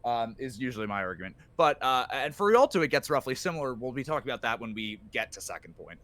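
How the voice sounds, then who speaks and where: Coach dude on a live podcast, voice jumps all over, swears a bit. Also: male voice, medium pitch, fast talker, no room sound. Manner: animated, swears casually, trails off quietly. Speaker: esports coach. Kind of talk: casual live-stream podcast chat.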